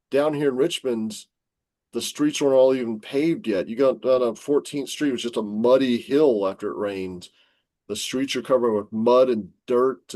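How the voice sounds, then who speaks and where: A man's voice: medium pitch, a little mellow, dry recording. A man talking as a guest scholar on an interview podcast, explaining history in a storytelling way.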